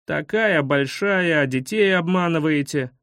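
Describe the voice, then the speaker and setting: A man's voice: sits high, expressive, moderate pace, no echo, studio quality, voice pushed up. A man doing a cheeky schoolboy. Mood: sulky. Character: cheeky schoolboy, mischievous, sulky. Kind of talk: storybook reading.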